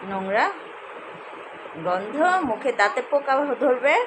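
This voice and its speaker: A woman's voice: fairly high pitch, unhurried, background noise. A mother coaxing and teasing her small child in a playful singsong baby-talk voice during a home video.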